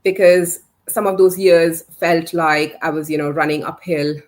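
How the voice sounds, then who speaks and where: In a live chat, an interview guest in her forties reflects on her path as a communications leader. English isn't her native language, and her low, steady voice stays unhurried, though she uses many fillers and restarts.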